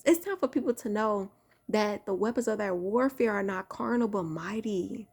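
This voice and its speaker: A young woman with a Chicago accent preaching casually to her followers, fervent and repetitive, dropping into quiet asides. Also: medium pitch, animated, normal speed, husky. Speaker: faith vlogger.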